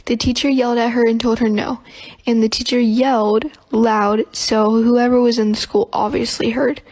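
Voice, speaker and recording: A young woman telling a school story in a steady, matter-of-fact way. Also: on the high side, normal speed, rough recording. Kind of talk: casual storytime.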